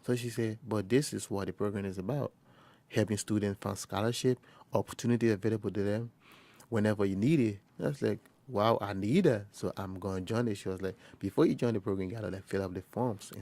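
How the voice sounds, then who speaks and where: A young man from Liberia, a first-year college student, telling his story in an interview in a halting way, often restarting and quoting conversations. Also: lowish voice, fairly even intonation, warm tone. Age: young adult. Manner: halting, with frequent restarts and quoted dialogue. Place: quiet recording booth.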